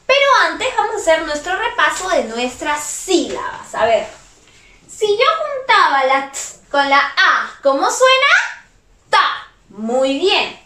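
A young woman teacher leads a reading lesson for small children. Her voice is very high and bright, lilting up and down in an exaggerated sing-song, and she draws every word out very slowly. The sound is roomy and echoey. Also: very animated. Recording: roomy echo.

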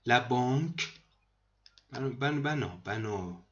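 A man teaching vocabulary to students in a screen lesson, repeating each word slowly and explaining it. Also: medium pitch, animated, a bit bright, lo-fi sound. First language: Persian. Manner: repeats words slowly, addresses students as kids. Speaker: language teacher.

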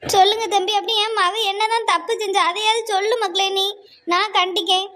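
A fretful elderly mother-in-law from a cartoon family drama, voiced by a performer. Her squeaky, very high voice rushes on, pleading and insistent. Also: steady tone, sharp tone. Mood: worried.

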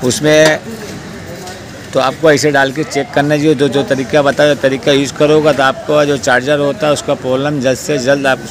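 Flat-voiced man explaining a scooter repair. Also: mid-range voice, moderate pace, crowd noise. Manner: plain, repetitive explaining with many fillers. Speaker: motorcycle mechanic. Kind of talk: hands-on repair tutorial. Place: outdoor street repair spot. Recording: noisy outdoor street recording.

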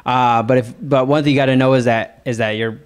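A man's voice: medium pitch, steady tone, a little fast, smooth. A young man, a pastor, co-hosting a joking podcast chat; he rambles, stumbles over words and laughs often. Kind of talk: casual comedic chat.

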